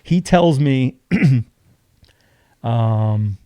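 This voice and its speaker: A young man tells a story as a podcast guest, lively and full of acted-out quotes. His voice is dark and mellow. The sound is dry, close to the mic. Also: mid-range voice, very slow, clear, resonant tone, no room sound. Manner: animated, acts out other people's lines. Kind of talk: casual storytelling.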